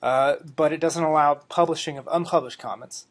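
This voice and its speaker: A man's voice: on the high side, brisk. A man giving a casual presentation at a developer meetup, talking loosely with lots of fillers. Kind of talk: casual tech demo talk. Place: meeting room.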